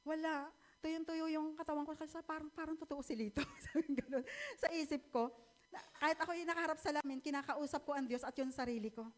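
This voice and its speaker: Middle aged woman giving a church testimony, high voice, emotional, polite storytelling. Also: fairly quick. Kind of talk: personal faith testimony.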